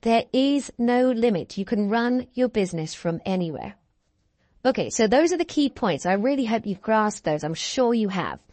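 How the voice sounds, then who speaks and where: A woman's voice: medium pitch, darkish tone, no room sound. Female course instructor, upbeat and reassuring, step-by-step screen-share narration, dry close sound. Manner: upbeat, reassuring, walks through steps.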